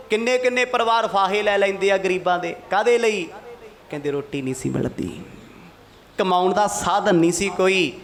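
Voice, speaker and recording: A male preacher in full storytelling-sermon mode, animated and lively. His voice sits high for a man, and he keeps prompting the congregation to respond.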